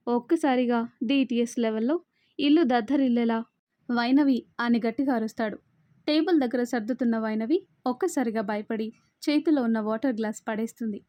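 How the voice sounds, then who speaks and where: A woman reads a romance novel aloud in a fairly high, mellow voice, telling the story expressively. The recording is dry and close, with no room sound. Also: no room sound. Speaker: narrator. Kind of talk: audiobook novel reading.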